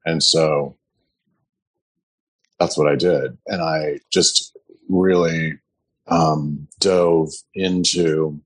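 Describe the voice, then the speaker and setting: Speaking to his meditation group, this man shares his personal testimony earnestly but haltingly, using many fillers. His voice is extremely low, and there is no room sound.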